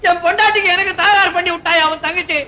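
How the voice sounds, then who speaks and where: An actor playing an exasperated young husband who snaps back and mocks in an old Tamil film comedy. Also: male voice, extremely high pitch, steady tone, quick pace, bright, forceful tone, full character voice, rough recording. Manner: mocking, retorting.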